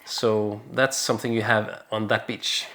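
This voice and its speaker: Relaxed man chatting with frequent fillers. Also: lowish voice, measured pace. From Denmark. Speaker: vlogger. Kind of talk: casual conversational vlog chat.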